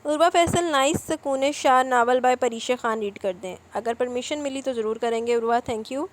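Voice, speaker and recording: A woman's voice: high voice, normal speed. A woman who hosts a novel-reading channel, reading out viewer comments and answering each one in casual chat.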